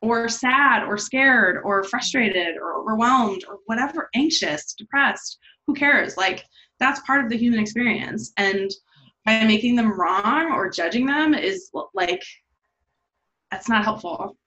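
Host, woman. Frank, profane, filler-heavy talk; tense, bright voice; muffled lo-fi sound. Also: a little high, lively intonation, unhurried. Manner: candid and profane, says "like" often. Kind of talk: casual heart-to-heart chat. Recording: slightly dull lo-fi sound.

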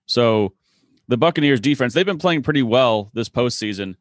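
A man from Massachusetts in a casual sports chat, weighing his views in a measured, hedging way. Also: medium pitch, expressive, no echo, studio quality. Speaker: podcast co-host.

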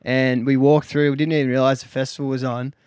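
A man's voice: mid-range voice, little pitch movement, fast talker, a little mellow, smooth, no room sound, studio quality. A young man with an Australian accent from Melbourne, hosting a podcast in casual, laid-back, sweary slang. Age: young adult. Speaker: podcast host. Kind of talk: casual chat.

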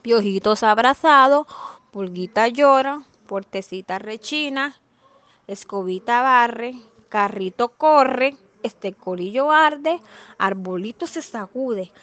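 A woman reading a children's fairy tale aloud as a storyteller, expressive and rhythmic through the repeated chain lines. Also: a little high, slow.

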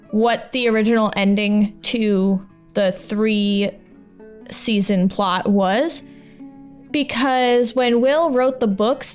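She has a slightly high, clear and resonant voice, chatting on her podcast over plucked guitar music. As the host and an audio drama producer, she keeps her tone informal and reassuring.

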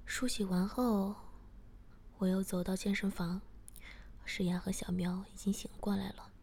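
A woman narrating a story in the first person, reading in a soft, half-whispered manner. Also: medium pitch, level tone, a little slow, slightly rough. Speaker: story reader.

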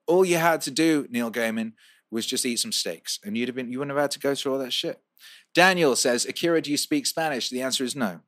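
A man from the UK, raised in Wales, hosts a livestream and reads out viewer questions in a loose, profane, rambling style, riffing and repeating himself. His mid-range voice is a bit bright and a little fast. The studio-quality recording has no room sound.

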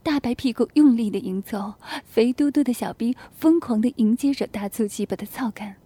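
A woman reading an erotic audio story in the first person, in a soft, hushed narrating voice. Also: fairly high pitch, moderate pace, breathy edge, no echo.

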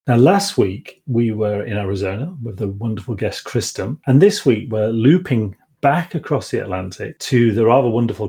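A man hosting a podcast, introducing the show and guest in a gentle, friendly way with some restarts. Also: fairly low pitch, slightly rough. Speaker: podcast host.

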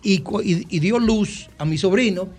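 A man with a Dominican accent, a guest telling animated stories with many restarts and repetitions. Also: high-pitched, normal speed. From Dominican Republic. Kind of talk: casual storytelling interview.

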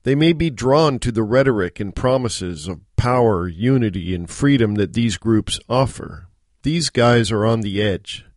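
A middle-aged American man hosting a solo podcast, speaking in an earnest, measured, exhorting monologue. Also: mid-range voice, darkish tone, no echo, clean studio sound. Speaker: podcast host. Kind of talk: solo monologue on self-improvement.

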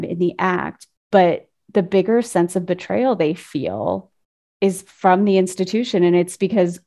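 Interviewer woman with gravelly fry. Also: on the low side, a little mellow. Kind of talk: interview discussion.

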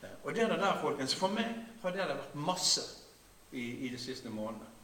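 Pastor in his 60s, chatty halting sermon, bright voice, kinda far off in an echoey room. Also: very animated. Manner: conversational preaching with many hesitations, often dropping to a quiet low voice.

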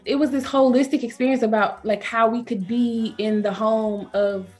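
Animated Southern woman telling stories. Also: normal speed, soft background music. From Georgia, USA. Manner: animated, acts out quoted speech with pitch jumps. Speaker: travel company founder, interview guest. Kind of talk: conversational storytelling interview.

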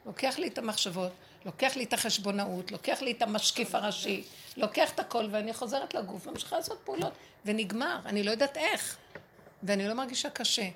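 A woman's voice: on the high side, animated, a bit bright, a little hiss or hum. A woman giving a spiritual lesson to a group, talking emphatically and acting out prayers and dialogue. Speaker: spiritual teacher.

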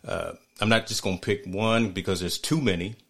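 A man co-hosting a casual sports podcast, talking in a thoughtful, measured way and often restarting his phrases. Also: lowish voice, steady tone, fairly bright tone. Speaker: podcast co-host.

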